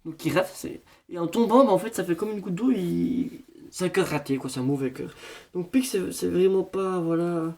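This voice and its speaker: Guy playing a fake psychic, warm low-key voice, rambles along all solemn and silly. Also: normal speed, gravelly. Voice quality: rambling, mock-solemn fortune-teller manner. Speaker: comedian. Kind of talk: parody horoscope reading.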